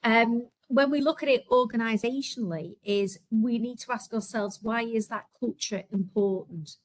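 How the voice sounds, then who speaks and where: A woman with a Scouse accent giving a webinar presentation on workplace culture, talking quickly and earnestly with frequent ums and restarts. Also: a little high, rough recording. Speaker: healthcare leader presenting.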